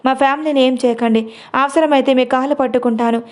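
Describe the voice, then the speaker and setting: A woman's voice: sits high, fairly even intonation, fast, lightly acted. A woman storyteller voicing a frightened young woman who pleads through tears in a storybook. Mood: pleading, tearful. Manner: tearful, begging.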